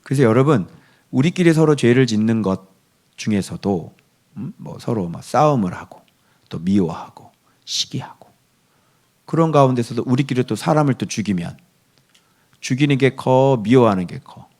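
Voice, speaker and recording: A man preaching a morning devotional sermon, his pitch swinging widely as he talks. He keeps asking his listeners whether they agree and answers for them. Quoted verses drop to a near whisper. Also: animated, normal speed, a little mellow. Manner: asks the listeners for constant agreement, answers himself. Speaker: pastor.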